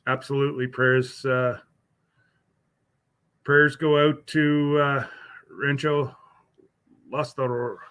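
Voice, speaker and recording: With a bright, pushed, mid-range voice, this livestream host rambles through replies to viewers, calling them by name. His casual delivery is packed with fillers and false starts.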